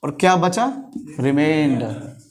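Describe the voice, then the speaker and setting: A male math teacher with a Hindi accent and a fairly high voice. He teaches a classroom lecture and keeps firing short questions at his students, then answers them himself. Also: slow. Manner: quizzing students with repeated questions.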